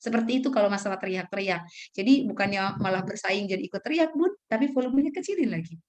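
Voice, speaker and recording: A woman Islamic teacher giving parenting advice over a video call, explaining patiently and acting out soft words to a child. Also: lively intonation, quick pace. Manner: explanatory, acts out gentle talk to children, swings pitch widely. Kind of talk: online parenting talk.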